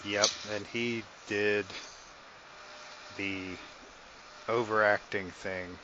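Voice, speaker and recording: A man's voice: lowish voice, fairly even intonation, extremely slow, sharp tone, highs cut off, a little hiss or hum. A man co-hosting a podcast, talking casually in a rambling way with frequent restarts. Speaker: podcast co-host. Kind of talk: casual chat.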